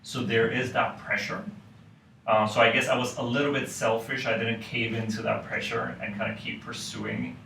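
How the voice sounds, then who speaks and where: A man from Hong Kong, a university lecturer, appears as a guest on a casual podcast, speaking thoughtfully and dropping plenty of "um" and "you know" fillers. His mid-range voice barely moves in pitch and comes at a moderate pace, bright and pushed with some vocal fry. The mic sits at a distance in a roomy space, picking up faint noise.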